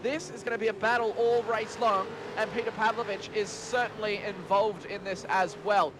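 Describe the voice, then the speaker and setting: High-pitched male motorsport commentator over engine noise. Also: fairly even intonation, moderate pace. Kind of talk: sim racing play-by-play commentary. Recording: constant car engine noise. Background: race cars and engine noise.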